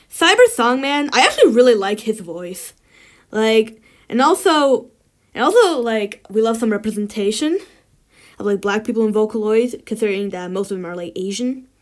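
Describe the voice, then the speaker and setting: Woman, casual chat, fairly high voice, opinionated, filler-heavy, tier list ranking. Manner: chatty and opinionated, many "like" fillers.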